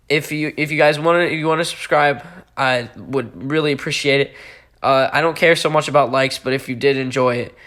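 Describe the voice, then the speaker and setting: A man giving casual gameplay commentary over his football video game footage, talking in a halting way with many fillers. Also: mid-range voice, fairly bright tone, clean tone. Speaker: gaming YouTuber.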